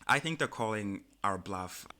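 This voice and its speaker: A man co-hosting a podcast in casual chat, who gets animated and jumps high in pitch when he quotes people. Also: unhurried. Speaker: podcast co-host.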